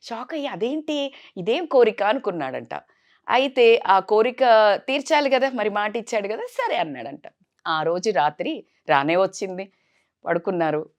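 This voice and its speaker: Animated woman telling a family story. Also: mid-range voice, moderate pace. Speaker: vlogger. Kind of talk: storytelling to camera.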